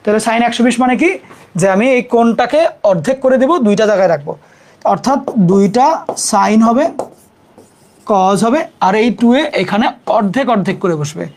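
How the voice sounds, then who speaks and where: A young adult teacher talks through a live math lesson in a loose, informal way. The voice sits at a middle pitch, and the teacher repeats terms slowly so students can copy them and apologizes quickly for board mistakes. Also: lively intonation, a little mellow.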